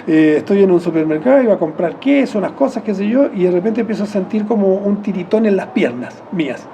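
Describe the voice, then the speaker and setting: A man with a Chilean accent, explaining in a rambling, reflective way as an interviewee, often correcting himself mid-phrase and chuckling softly. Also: high voice, lively intonation, quick pace, a little hiss or hum.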